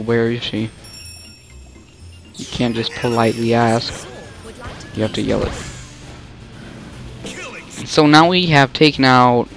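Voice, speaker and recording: Slow-talking young man narrating gameplay. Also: medium pitch, a bit bright. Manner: rambling, self-interrupting, easily exasperated. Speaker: gamer. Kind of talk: casual gameplay commentary.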